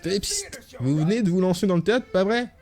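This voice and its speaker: A man's voice: high voice, animated, brisk, darkish tone, faint music behind, voice pushed up. A man voicing a sly, wheedling male weapon merchant who hisses to get attention.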